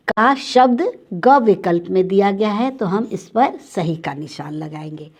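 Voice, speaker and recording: Woman schoolteacher for a primary spelling lesson: slow, deliberate, spells each word letter by letter, talks gently to the children. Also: mid-range voice. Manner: gently addresses the children, with simple questions and explanations.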